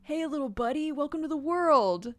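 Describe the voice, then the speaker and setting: A woman voicing an excitable, secretive boy who is fond of small creatures, in story game dialogue. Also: mid-range voice, normal speed, lightly acted. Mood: delighted.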